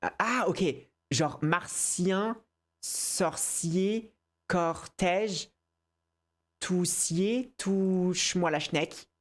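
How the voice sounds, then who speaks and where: Low, slow woman muttering through a quiz. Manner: mutters to herself, swears, switches between French and English. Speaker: content creator. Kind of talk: casual quiz play, thinking aloud.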